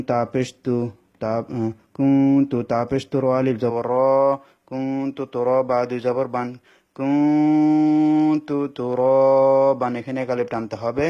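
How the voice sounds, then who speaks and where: A man teaching Quran reading. He spells out letters step by step, repeats himself patiently and answers his own questions. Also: mid-range voice. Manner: stretches words into slow sung recitation. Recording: dull lo-fi recording.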